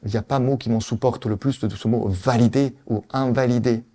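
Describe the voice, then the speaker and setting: Fairly quick and mid-pitched, the middle-aged Italian-accented veterinary specialist presents an animated conference lecture. Rhetorical questions fill his delivery.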